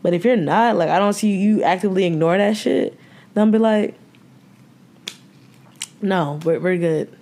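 A woman's voice: mid-range voice, warm tone. Frank young Southern woman co-host. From American South. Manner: frank, profane, talks in quick restarts. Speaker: podcast co-host. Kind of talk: casual chat. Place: home room, remote recording.

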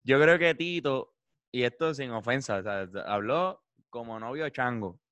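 A man with a Puerto Rican accent, co-hosting a casual podcast in a relaxed, easygoing way. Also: medium pitch, unhurried, smooth, no room sound. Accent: Puerto Rican Spanish. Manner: laid-back, laughs often. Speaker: podcast co-host. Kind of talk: casual chat.

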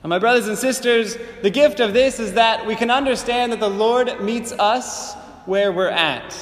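A priest proclaiming the gospel and preaching a homily in a measured, earnest way, his voice carrying a cathedral echo. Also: very high voice. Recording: echoey church with long reverb, faint hiss.

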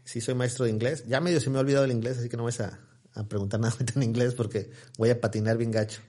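Telling meandering stories packed with fillers and false starts, a Tamaulipas-born man in his 40s talks casually as an interview guest. He speaks at a racing pace, mid-range and darkish, with a steady tone.

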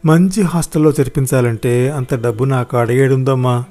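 A man's voice: mid-range voice, steady tone, moderate pace, dark tone, natural voice. A man voicing a poor, worried mother who turns fierce to protect her daughter. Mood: pleading.

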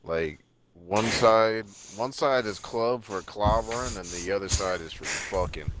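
A man's voice: fairly low pitch, a little slow, background noise. A man co-hosting a casual podcast, rambling crudely with lots of fillers. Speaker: podcast co-host. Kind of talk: casual chat.

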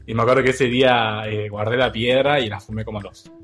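A young man with an Argentine accent telling a story in casual chat, animated and quick to laugh. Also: mid-range voice, soft background music. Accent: Argentine Spanish. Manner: animated, laughs often, acts out quotes.

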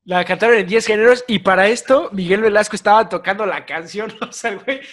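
A young man with a Mexican accent hosting a casual podcast chat, telling stories in slangy, animated talk. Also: sits high, fairly quick. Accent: Mexican Spanish. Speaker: podcast host.

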